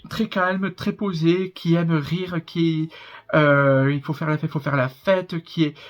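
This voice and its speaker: A southern French reaction YouTuber in his twenties speaks unhurriedly, his high-leaning voice keeping a fairly even intonation. With his regional accent, he chats and rambles casually, often breaking into laughter.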